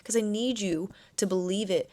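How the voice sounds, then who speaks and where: Relaxed woman coaching through a podcast. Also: medium pitch, normal speed. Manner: relaxed, conversational, reassuring coaching tone. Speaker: podcast host and anxiety coach. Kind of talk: self-help podcast monologue.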